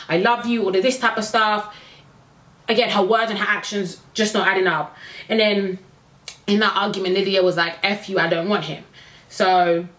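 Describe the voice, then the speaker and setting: A woman's voice: medium pitch, a bit bright. A woman recapping a reality show in a casual, blunt and opinionated way, with exasperated asides. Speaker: reality TV reviewer. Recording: echoey room.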